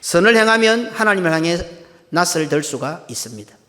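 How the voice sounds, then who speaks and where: A man's voice: on the high side, very animated, a little fast, bright, forceful tone. A middle-aged male senior pastor, preaching a sermon with emphatic rhetorical questions to the congregation. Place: church sanctuary. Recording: long church hall reverb.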